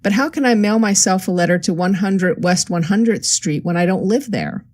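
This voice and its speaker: A woman's voice: medium pitch, normal speed, darkish tone, natural voice. A woman reader voicing a shrewd male detective who is posing as a crook and talks in a plain, questioning way.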